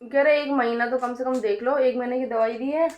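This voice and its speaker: A woman's voice: sits high, steady tone, brisk, dull audio. A middle-aged woman, chatting homely to camera in a vlog and often tagging questions to her viewers. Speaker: family vlogger. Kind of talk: casual vlog narration. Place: city streets and home.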